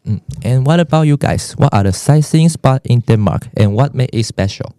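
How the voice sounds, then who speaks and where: Brief: Taiwanese teen co-host, scripted, stumbling now and then, mellow dry voice. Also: male voice, mid-range voice, lively intonation, normal speed, no room sound. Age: teens. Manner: reads from a script with small stumbles. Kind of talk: scripted school podcast hosting.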